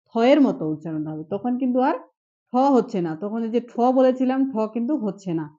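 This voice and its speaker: A woman's voice: a little high, mellow, lo-fi sound. A woman giving an online English pronunciation lesson, patiently repeating each point and checking that the students follow. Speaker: English teacher.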